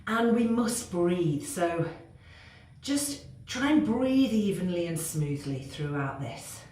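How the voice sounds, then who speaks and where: A woman's voice: lowish voice, animated, slow, darkish tone. A woman fitness instructor cueing moves as she exercises along, growing out of breath. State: getting out of breath. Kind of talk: workout instruction. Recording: very echoey room, faint noise.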